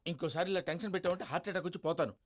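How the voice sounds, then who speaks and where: A man's voice: high-pitched, racing. A man acting in a film comedy, fussy and exasperated. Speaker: film actor in a comedy scene. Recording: film audio with clear background noise.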